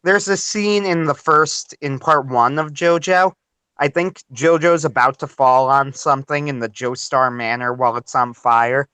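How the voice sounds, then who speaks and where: A man co-hosting a casual livestream chat, giving quick, enthusiastic opinions. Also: mid-range voice, sharp tone, clear, resonant tone, no echo. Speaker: podcast co-host.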